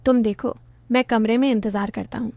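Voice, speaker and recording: एक महिला कहानी में एक विनम्र, प्रेम में डूबे युवा पति की आवाज़ देती है।. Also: female voice, a little high, steady tone, brisk, darkish tone, no echo, close to an everyday voice. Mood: polite. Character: young husband, polite, lovestruck.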